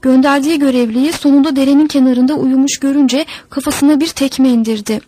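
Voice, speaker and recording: High-voiced woman narrating a folk tale. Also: steady tone, fairly quick, mellow, poor audio. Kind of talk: storybook narration.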